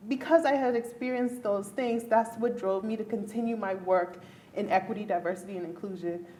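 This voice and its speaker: A neurologist from the Bahamas, this woman talks a little fast in a dark, medium-pitched voice. On a luncheon panel in an event hall, she gives an earnest, emphatic answer and laughs often.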